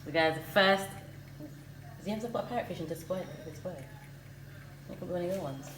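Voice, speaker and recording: A woman's voice: on the low side, normal speed, fairly bright tone, echoey room. A woman chatting casually to her viewers as a vlogger. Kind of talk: casual vlog chat to viewers. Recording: noisy home video, frying sizzle. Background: food frying and sizzling.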